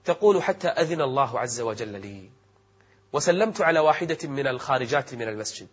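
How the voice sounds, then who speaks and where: A man preaching in formal standard Arabic as a programme presenter, with an emphatic, rhetorical delivery and a husky voice. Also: medium pitch, lively intonation, fast talker. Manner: formal classical Arabic diction. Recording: dull, muffled lo-fi audio.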